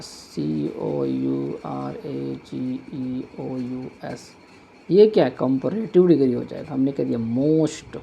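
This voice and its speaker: A man's voice: fairly high pitch, creaky, warm tone, a little hiss or hum. A male teacher giving a classroom grammar lesson, patiently repeating each point as he writes it out on a board.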